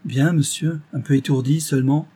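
Gentle young blind piano teacher girl, man doing her voice, soft and sorry-sounding, mellow and a bit husky. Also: a little high, fairly even intonation, moderate pace, voice pushed up. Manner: soft, apologetic.

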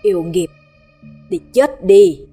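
A woman's voice: lowish voice, brisk, darkish tone, faint music behind, close to an everyday voice. A woman voicing a stern male exorcist master who speaks in a steely, commanding way. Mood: fierce. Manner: steely, authoritative.

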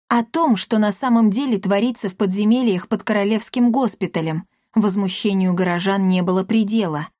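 A woman narrating a children's audiobook in a measured storytelling manner. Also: mid-range voice, darkish tone, dry recording, clean studio sound. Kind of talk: scripted narration.

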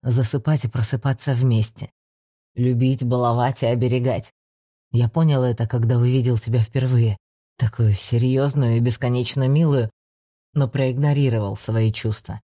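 A woman voicing a male necromancer professor, speaking in a soft, slow, coaxing way. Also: very deep voice, fairly even intonation, no echo, studio quality, voice pushed down. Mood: tender.

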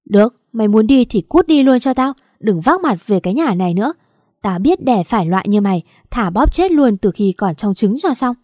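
A woman voicing a wealthy woman in her forties who shouts, curses and scolds scornfully in an audio story. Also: a little high, lively intonation, a little fast, no echo, studio quality. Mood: furious. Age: 40s. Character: shrill furious wealthy older woman.

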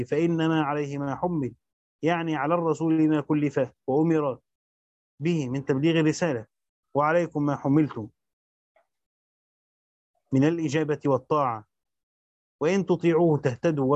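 Fast-reading man, muffled recording. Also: fairly high pitch, dry recording. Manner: rapid recitation with brief spoken explanations. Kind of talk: fast reading of a Quran commentary with asides.

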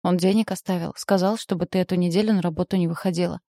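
A woman reading the lines of a calm, practical female friend who soothes and persuades in a storybook. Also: lowish voice, fast, dry recording, studio quality, lightly acted. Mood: soothing. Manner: calming, persuasive.

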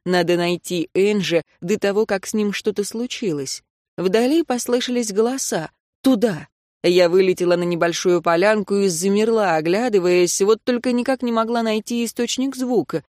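Female narrator for a first-person audiobook: expressive, lively, dry studio-close sound. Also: mid-range voice, moderate pace, no room sound.

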